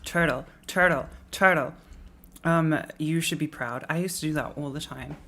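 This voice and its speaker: A young Englishwoman with a low, slightly bright voice chats casually on a livestream at a normal pace. She rambles along with plenty of likes, ums and fillers, slipping into playful rants.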